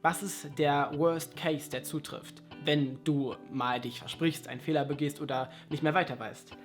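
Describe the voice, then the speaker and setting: A young German-native language vlogger chats casually in an advice video, filling it with rhetorical questions and self-mocking asides. His voice is fairly high with fairly even intonation at normal speed, over soft background music.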